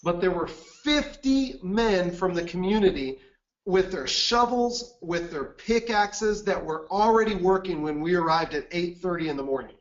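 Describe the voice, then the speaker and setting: A man giving a seminar presentation, telling a mission-trip story in an earnest, measured way. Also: sits high, dull audio. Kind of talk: webinar presentation with anecdote.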